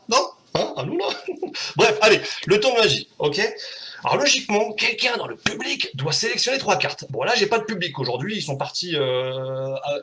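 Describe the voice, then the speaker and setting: A man's voice: a little high, pushed and bright. A man hosting a casual home live show, chatty and self-mocking, talking to viewers while doing a card trick and swearing freely.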